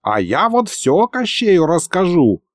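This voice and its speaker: A man's voice: on the high side, sing-song, moderate pace, darkish tone, no room sound, studio quality, pitched above the performer's own voice. A man doing a gloating ancient sorcerer. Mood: gloating pompous. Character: ancient sly lecherous male sorcerer, gloating.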